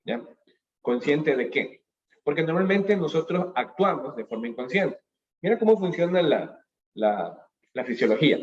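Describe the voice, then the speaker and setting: A man giving a motivational lecture on emotions at a business school, animated, asking questions and answering them himself, heard through a webcam on a video call. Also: fairly high pitch, moderate pace, muffled recording. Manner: animated, asks and answers his own questions. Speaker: speaker at a business school talk.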